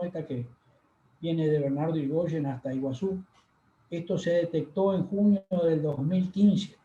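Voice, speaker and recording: A man giving a university lecture over slides, unhurried and full of fillers and pauses. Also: a little high, dark tone, slight background noise. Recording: echoey room, dull lo-fi sound.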